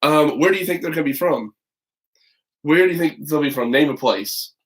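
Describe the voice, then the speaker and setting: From a makeshift video corner in his home, a middle-aged man from the United States hosts a relaxed livestream, reading stories as a teacher and chatting loosely with viewers and a child. His voice is fairly high and expressive, at a moderate pace.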